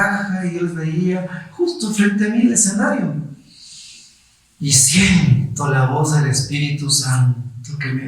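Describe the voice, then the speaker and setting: A man preaching a sermon, telling a personal testimony in a lively way and acting out the dialogue as he goes. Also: on the high side. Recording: echoey room, far from mic.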